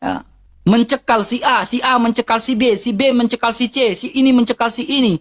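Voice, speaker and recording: A woman's voice: fairly high pitch, steady tone, a little fast. Emphatic woman, eastern Indonesian accent. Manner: emphatic, repetitive, blunt. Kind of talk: heated livestream rant.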